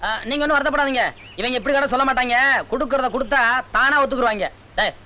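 A boastful, bossy village bachelor. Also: male voice, very high-pitched, steady tone, quick pace, sharp tone. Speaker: village man in a film comedy scene. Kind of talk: film comedy dialogue.

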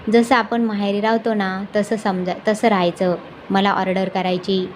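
A caring young daughter-in-law with a warm, persuasive way of talking, as a woman storyteller voices her. Her voice sits at a middle pitch, with a faint hiss behind it. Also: flat delivery, moderate pace, natural voice.

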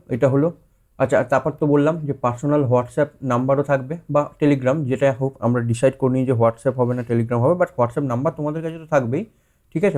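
Mellow-voiced man explaining his course. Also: mid-range voice. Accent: Bengali. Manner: conversational, many fillers and rephrasings, checks in with students. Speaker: teacher introducing a course. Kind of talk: casual explanatory talk to students.

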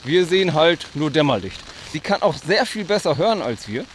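On a farm estate at night, outdoors and in a barn, a conservationist leads a nature walk and casually explains things to children, asking questions and echoing their answers. His voice is a little high and very animated at normal speed, captured in a noisy outdoor field recording.

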